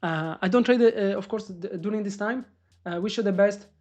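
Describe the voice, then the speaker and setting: A man doing live trading commentary on a stream, excitable and swearing as he talks to the market. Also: sits high, moderate pace, dull audio. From Morocco. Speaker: day trader live-streaming.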